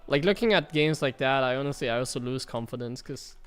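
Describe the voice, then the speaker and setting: A young German man, whose first language is German and who speaks with a German accent, streams while chatting frankly about his own gameplay and rambling through self-criticism. His medium-pitched voice is clear and resonant, a little fast, over soft background music.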